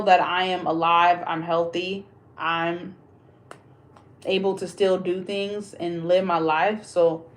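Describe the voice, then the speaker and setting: A woman hosting a casual livestream from her home, talking candidly and confidingly to her viewers, whom she calls "y'all.". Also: on the low side. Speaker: livestream host. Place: indoors at home. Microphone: phone livestream.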